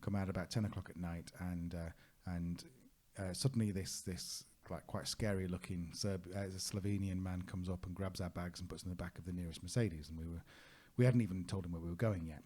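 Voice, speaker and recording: A man's voice: deep voice, steady tone, fairly quick, hardly any pauses, mellow. A man co-hosting a travel podcast, chatting casually and rambling through anecdotes with lots of fillers. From United Kingdom.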